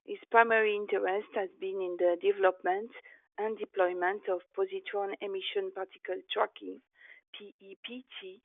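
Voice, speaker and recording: Flat-voiced woman introducing a speaker. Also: mid-range voice, dry recording. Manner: reads steadily, with occasional fillers. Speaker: webinar moderator. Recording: dry, tinny call audio.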